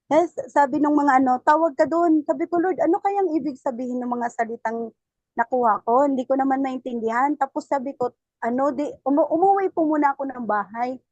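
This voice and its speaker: A woman who is a parent, giving a personal testimony at church. She speaks in halting, restarting sentences and addresses the pastor respectfully. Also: high voice, darkish tone, no room sound, lo-fi sound. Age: adult parent.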